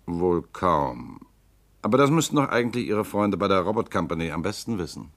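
Playing a suave lawyer running for office who is suspected of being a robot, a male actor speaks briskly in a low voice. This 1960s-70s radio drama performance is cool in mood, with calm, precise, coolly polite speech.

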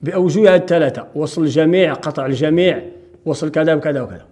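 A man's voice: fairly high pitch, fast talker, dark tone. A man with a Moroccan accent teaching Quran recitation rules in a classroom lecture, explaining step by step and answering his own questions.

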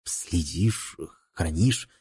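A man's voice: deep voice, expressive, extremely slow, darkish tone, husky, no room sound, clean studio sound, heavily acted. A man voicing a frightened, bewildered man who has just died, speaking agitatedly and asking question after question. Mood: confused, agitated.

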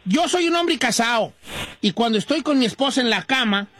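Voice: mid-range voice, animated, a little fast, fairly bright tone. A radio host earnestly reading a listener's confessional letter aloud in the first person.

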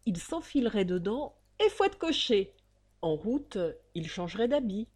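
Female audiobook narrator, measured, expressive, mid pitch. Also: slightly rough.

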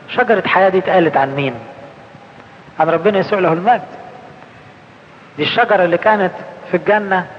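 A high-voiced man with an Egyptian accent delivers a colloquial sermon, putting questions to his listeners and then answering them. He slows down for the scripture quotations. The sound is a little dull and rings through a large reverberant hall. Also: slight background noise. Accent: Egyptian Arabic. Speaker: priest. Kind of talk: conference sermon.

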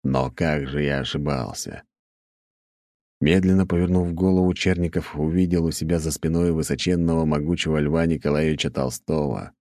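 A man narrating an audiobook in a lively, expressive storytelling manner. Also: very deep voice, moderate pace, no echo, studio quality.

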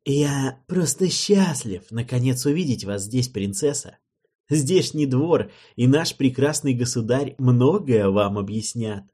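A man's voice: mid-range voice, expressive, warm tone, husky. Man doing a mockingly polite courtier. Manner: drawn-out mock courtesy.

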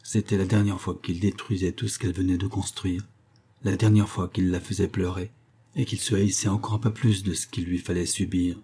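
A man narrating a literary novel as an audiobook reader, reading in a measured, even way. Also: low voice, husky.

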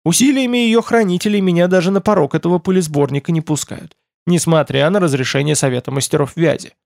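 Cheeky sarcastic young man, read by a man, gravelly, dry close sound, audiobook. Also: fairly high pitch, fast talker, a little mellow, dry recording, voice pushed up. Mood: sullen. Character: cheeky, hungry young man, prickly about his past.

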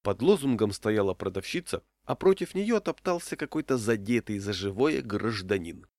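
A man reading a humorous story aloud with wry, deadpan narration. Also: on the low side, moderate pace, dry recording, studio quality. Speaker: reader.

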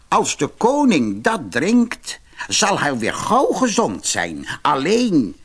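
Creaky old stranger in a fairy tale, high and slow, breathy, a male narrator putting him on. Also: a bit bright, full character voice. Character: mysterious old man with creaking voice. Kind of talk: storybook reading.

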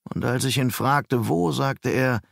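A man's voice: mid-range voice, a little slow, gravelly, no echo, clean studio sound. A man voicing a self-important, defensive male private detective in an audiobook. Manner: boastful, defensive.

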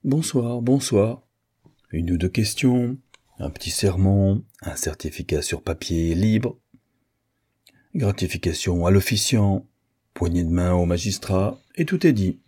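A man reading an audiobook, voicing a lively, frank divorced American woman in a brisk, animated manner with a husky voice. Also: deep voice, exaggerated voice. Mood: playful.

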